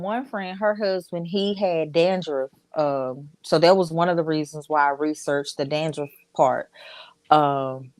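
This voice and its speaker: In a dry recording, a woman with a lowish voice and a Texas accent talks as a podcast guest. The Dallas business owner is frank and talkative, telling stories full of fillers in a casual interview.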